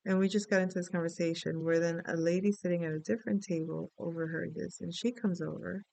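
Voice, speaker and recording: A woman's voice: lowish voice, fairly even intonation, fast, gravelly, mellow, dry recording, rough recording. A middle-aged woman from the Dominican Republic, giving a casual spoken astrology reading and rambling through a story with many asides. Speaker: astrology and tarot reader.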